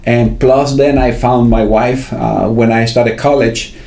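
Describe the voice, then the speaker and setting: Guy in his 50s, warm low-key voice, lots of ums and "right?", echoey room. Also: fairly even intonation, measured pace, vocal fry. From Venezuela. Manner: hesitant, many fillers and tag questions. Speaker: podcast guest. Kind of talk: casual interview. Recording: roomy echo.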